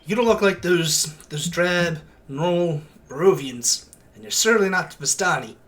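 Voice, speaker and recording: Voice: medium pitch, animated, moderate pace, a bit bright, pitched above the performer's own voice. A game master voicing a wry, resigned local man in a fantasy tabletop game, speaking offhandedly.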